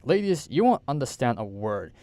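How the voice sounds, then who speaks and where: A man's voice: mid-range voice, big pitch swings, moderate pace, warm tone, no room sound, lightly acted. A man reading the lines of a brittle, falsely cheerful young wife who coaxes and chirps. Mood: chirpy.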